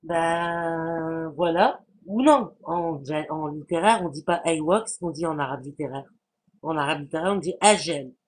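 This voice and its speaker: A man giving a language lesson, patiently explaining and repeating sounds and words to demonstrate them, with some hesitant pauses. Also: a little high. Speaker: Arabic language teacher.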